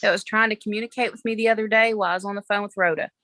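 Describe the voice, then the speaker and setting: A woman's voice: mid-range voice, fairly even intonation, rapid-fire, sharp tone, no room sound. Woman chatting casually, close and dry. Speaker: participant in a live spirit box session. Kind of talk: casual chat.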